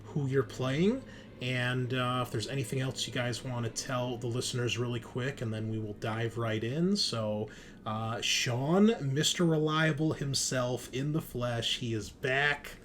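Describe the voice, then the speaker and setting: This tabletop RPG show host and game master has a medium-pitched, steady, slightly bright voice and speaks unhurriedly. He chats casually and cheerfully, friendly and informal, while introducing the players. A little hiss or hum runs under the recording.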